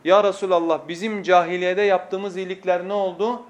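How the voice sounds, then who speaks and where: High-voiced man preaching at a pulpit microphone. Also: little pitch movement. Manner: impassioned, swings from hushed to emphatic oaths, recites scripture rapidly. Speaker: preacher teaching a lesson series. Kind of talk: sermon lecture.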